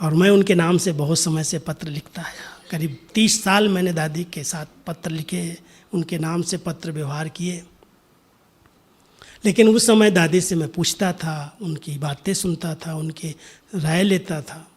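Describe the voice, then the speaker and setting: A middle-aged man giving a spiritual discourse, telling a story in an unhurried way and sometimes sinking to a soft near-whisper. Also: fairly high pitch, breathy edge. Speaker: spiritual speaker.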